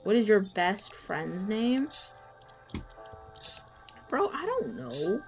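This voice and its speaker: A young woman streaming a game from home, chatting casually, muttering and reading on-screen text aloud with quick reactions. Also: mid-range voice, sing-song. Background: background music and keyboard typing.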